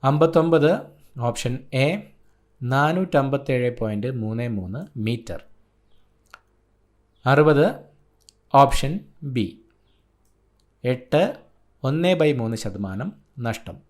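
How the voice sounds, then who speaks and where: Tutor from Kerala, male, mid-pitched, brisk clipped delivery of exam answers. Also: animated. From Kerala, India. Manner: brisk, listing answers in short clipped phrases. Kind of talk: reading out an exam answer key.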